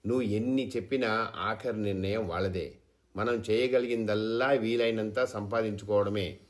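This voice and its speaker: A man's voice: lowish voice, steady tone, normal speed, close to an everyday voice. A man voicing a pragmatic middleman friend who scolds and persuades. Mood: scolding.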